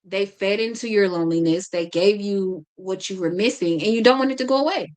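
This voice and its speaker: A woman's voice: medium pitch, fairly quick. A woman hosting a podcast, chatting casually, talking a lot and often stumbling and restarting her sentences. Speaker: podcast host.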